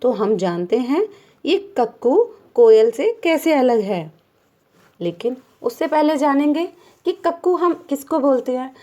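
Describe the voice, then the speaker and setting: Warm, patient woman teaching little children. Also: high-pitched, sing-song, unhurried. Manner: patient, asks children questions and answers them herself; mixes English phrases into Hindi. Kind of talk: Hindi lesson for young children, reading and explaining a poem.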